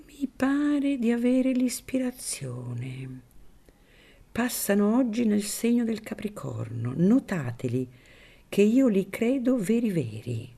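A woman reading aloud voices a crafty, scheming male priest, drawing out her words slowly. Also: mid-range voice, very animated, gravelly, warm tone, slightly rough, voice pushed up, exaggerated voice. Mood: sly.

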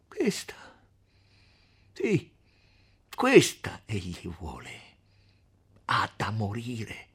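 A man's voice: a little high, wildly swooping pitch, moderate pace, creaky, hardly any pauses, fairly bright tone, husky, pitched above the performer's own voice, full character voice. A man playing an angry young peasant man who accuses and insists in a raised voice. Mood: furious.

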